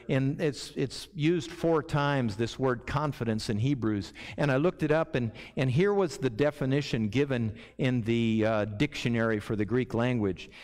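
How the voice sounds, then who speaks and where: A man's voice: mid-range voice, darkish tone. A middle-aged man preaching a sermon as pastor, earnest and restarting words as he builds each thought. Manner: earnest, repeats words when starting a thought. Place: church sanctuary. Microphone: lectern microphone. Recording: church hall reverb.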